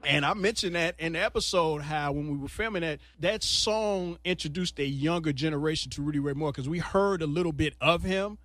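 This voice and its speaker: A man's voice: on the high side, a little fast, hardly any pauses, a bit bright, dry recording. A man hosting a radio interview, talking eagerly and conversationally like a fan. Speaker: radio host.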